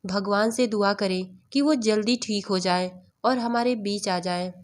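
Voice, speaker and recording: A sorrowful young son, read by a woman narrator, reproaches his father. His voice is subdued and hurt, at a plain middle pitch, in storybook style. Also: measured pace, close to an everyday voice. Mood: reproachful.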